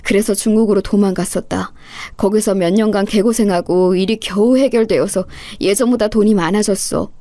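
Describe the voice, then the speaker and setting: A woman voicing a gruff, protective middle-aged uncle who speaks bluntly. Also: mid-range voice, steady tone, fairly quick, warm tone, dry recording, close to an everyday voice. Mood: remorseful. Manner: blunt, heated outburst.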